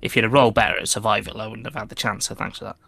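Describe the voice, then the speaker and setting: A man's voice: on the low side, steady tone, very fast, gravelly, bright, forceful tone, dry recording. A man acting as game master, casually narrating a tabletop game.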